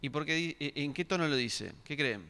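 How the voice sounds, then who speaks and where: A man's voice: fairly high pitch, lively intonation, normal speed, bright, forceful tone, clean tone. Man preaching in a reverberant church hall. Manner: asks the congregation questions, many restarts. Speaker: pastor. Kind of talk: interactive sermon.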